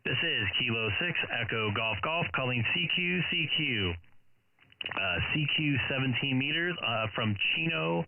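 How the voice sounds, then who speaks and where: A man working as a ham radio operator, calling CQ from his home radio shack in a measured on-air cadence and spelling his call sign phonetically. His voice comes through with a radio-room sound and static. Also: medium pitch, creaky. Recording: tinny phone-like sound, faint static hiss.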